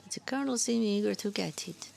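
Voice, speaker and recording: A woman voicing a sly, crusty elderly French market vendor with a creaky, heavy French accent. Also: medium pitch, quick pace, darkish tone, voice pushed up.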